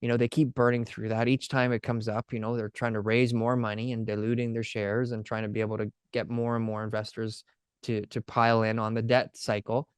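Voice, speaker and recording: A man co-hosting a podcast in casual chat, talking in an animated, emphatic way and repeating words when he gets excited. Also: mid-range voice, fairly quick, clean tone, no room sound. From Canada. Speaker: podcast co-host. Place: podcast studio.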